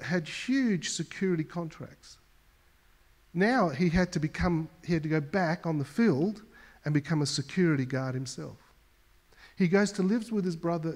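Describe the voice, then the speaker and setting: A man's voice: a little high, a little mellow. A male pastor preaching a sermon, telling a story with emphasis and often repeating words as he goes.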